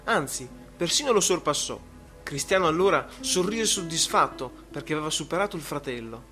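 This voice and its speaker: A man narrating a story in a steady, measured way. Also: a little high. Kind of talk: scripted narration. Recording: music playing behind.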